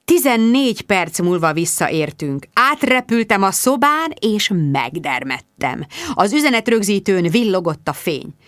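A woman narrating a comic first-person diary audiobook in a lively, self-mocking way. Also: mid-range voice, dry recording, studio quality.

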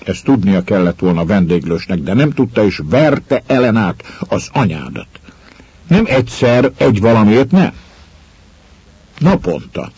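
A man's voice: on the low side, sing-song, breathy edge, no room sound, exaggerated voice. A man playing a brooding man confessing a killing. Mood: grave. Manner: grave, measured storytelling that drops to hushed whispers. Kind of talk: dramatic monologue. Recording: dull lo-fi recording.

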